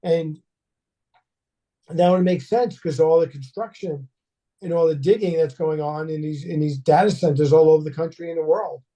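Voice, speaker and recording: A man's voice: fairly high pitch, normal speed, dark tone. A man co-hosting a casual market discussion, asking questions with wry asides. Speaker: co-host, financial advisor.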